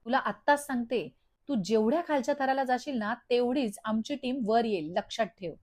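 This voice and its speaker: A bold rustic village girl who taunts her rival with defiant swagger. A woman recapping the episode voices her in a fairly high voice, close to her own. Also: a little fast, darkish tone, natural voice.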